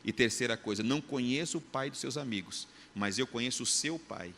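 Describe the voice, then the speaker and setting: A man's voice: mid-range voice, fairly quick. A man with a Brazilian Portuguese accent preaching a sermon as pastor, telling stories vividly and acting out the scenes. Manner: animated storyteller, acts out scenes. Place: church hall. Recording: long church reverb, faint room noise.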